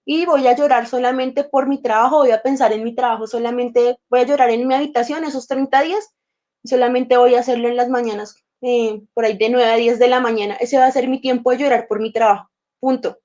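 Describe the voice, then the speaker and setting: A high-pitched woman teaching a workshop on emotional intelligence. She speaks conversationally and slips into short acted dialogues with her own feelings, and her throat sounds slightly sore. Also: fairly even intonation, fairly quick, darkish tone, dull audio.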